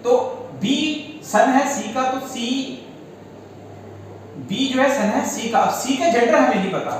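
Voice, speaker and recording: A man's voice: very high-pitched, takes it slowly, a little hiss or hum. A male teacher with Indian-accented English terms, explaining an exam-prep lesson step by step and checking in with his students. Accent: Indian English words mixed into Hindi. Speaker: reasoning teacher. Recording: very echoey room, mic at a distance.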